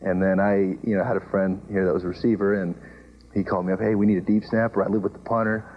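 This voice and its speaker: A man being interviewed, quickly recalling how he got onto a team with some amusement. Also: deep voice, little pitch movement, lo-fi sound. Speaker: football player being interviewed. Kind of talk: interview answer.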